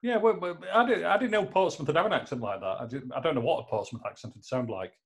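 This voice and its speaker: Recording on a laptop mic in his home office, a podcast host talks fast in a slightly high voice. He chats casually, jokes, and rambles with lots of fillers.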